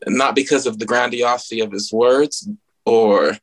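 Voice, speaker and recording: A man's voice: medium pitch, steady tone, normal speed. A man from the Bahamas, a guest musician, speaking earnestly and reflectively at an event and often searching for his words. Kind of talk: casual spoken remarks at an event.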